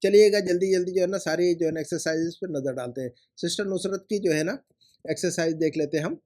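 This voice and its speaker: Male teacher, somewhat high voice, explanatory and repetitive as he corrects students' homework. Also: quick pace, darkish tone. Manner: explanatory, repeats rules and asks "है ना" often. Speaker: Arabic teacher.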